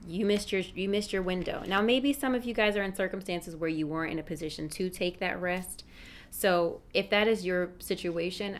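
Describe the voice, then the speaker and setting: A woman giving a casual fortune-telling tarot reading, speaking familiarly and directly to the listener with emphatic advice, with street noise behind her. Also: on the low side. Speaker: tarot reader, fortune teller. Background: rush-hour street noise.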